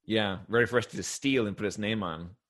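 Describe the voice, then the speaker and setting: A man in his thirties with a fairly low voice co-hosts a relaxed podcast. He talks loosely and rambles, filling his sentences with "like" and "you know". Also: fairly quick. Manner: loose, filler-heavy talk with frequent "like". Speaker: podcast co-host. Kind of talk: casual chat about a cartoon.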